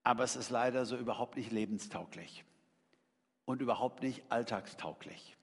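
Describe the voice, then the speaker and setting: A man's voice: medium pitch, moderate pace, creaky, slightly rough. A middle-aged man preaching a sermon in a conversational, emphatic way, throwing rhetorical questions to his congregation. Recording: long reverb of a large hall.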